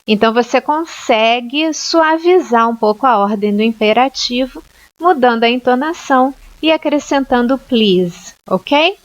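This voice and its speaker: A Brazilian woman teaching an English lesson, explaining grammar slowly and clearly and often checking with "ok?". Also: fairly high pitch. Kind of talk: online language lesson. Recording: dull lo-fi sound.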